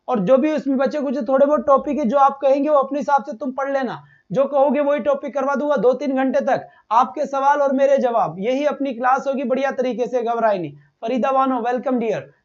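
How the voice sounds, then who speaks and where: Speaking at an extremely high pitch over dull-sounding audio, a male teacher runs a live online exam-prep session. He fires off fast questions, repeats each point, and keeps calling his students "beta."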